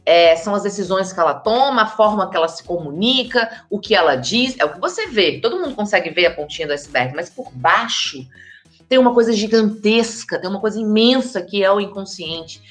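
A woman presents a talk on body language with lively emphasis. Her voice sits at an ordinary middle pitch for a woman. Faint music plays behind her. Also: brisk. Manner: lively, emphatic, speaks straight to the audience. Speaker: communication and body language trainer. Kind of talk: expressive presentation lecture. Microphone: camera with slides, hands in frame.

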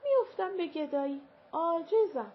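A woman's voice: sits high, big pitch swings. A woman voicing an old, poor servant woman in a storybook reading, pleading and stammering. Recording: dull lo-fi recording with faint hiss.

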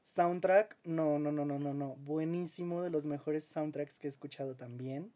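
A man with a Mexican Spanish accent co-hosts a podcast, chatting casually and enthusiastically with lots of fillers and easy laughter. His voice is on the high side yet dark in tone, steady, at a moderate pace.

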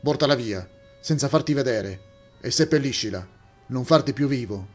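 A man's voice: medium pitch, animated, moderate pace, soft background music, natural voice. A man voicing a stern, secretive middle-aged father giving curt commands. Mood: commanding.

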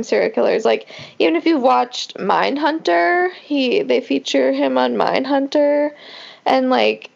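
A woman's voice: a little high, vocal fry, darkish tone, muffled recording. A woman co-hosting a podcast in casual, upbeat chat. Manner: chatty and upbeat. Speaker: podcast co-host.

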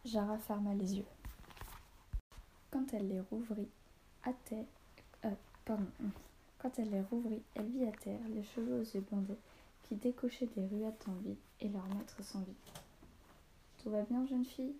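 A woman reading a novel aloud in a soft, half-whispered voice, stopping now and then to correct small slips. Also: mid-range voice, steady tone, moderate pace, pauses often, a little hiss or hum.

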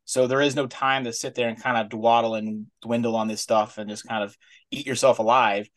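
Man, quick delivery, podcast co-host, rambling, lots of fillers. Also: medium pitch, steady tone. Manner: rapid, rambling, full of "like" and "you know". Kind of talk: casual podcast chat.

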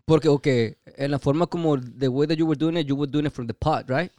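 A man's voice: a little high, fairly even intonation, fairly quick, mellow, dry recording, clean studio sound. A man co-hosting a podcast, chatting casually in mixed with English, joking, teasing and swearing. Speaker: podcast co-host. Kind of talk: casual podcast chat switching between Spanish and English.

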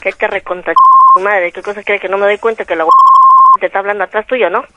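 A woman's voice: medium pitch, steady tone, fast talker, low-quality recording. A woman receiving a prank call, angry and scolding.

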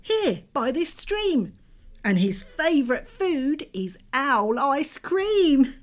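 A woman performs a full character voice pitched above her own, sitting high and very animated at a slow pace. She plays a small, clever, polite male mouse hero in a children's storybook, sounding cheerful and sly with a plucky, bright, polite manner.

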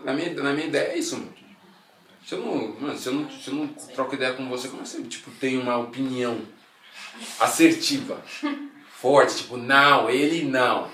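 A man's voice: mid-range voice, brisk, fairly bright tone. A Brazilian man in casual chat, thinking aloud and repeating words as he searches for them. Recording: roomy, distant mic, faint noise.

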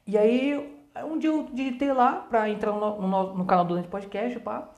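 A woman's voice: mid-range voice, moderate pace, darkish tone. A woman with a Brazilian Portuguese accent hosting a podcast in casual, slangy, rambling talk full of asides. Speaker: podcast host. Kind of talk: casual chat with channel announcements. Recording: roomy, echoing sound.

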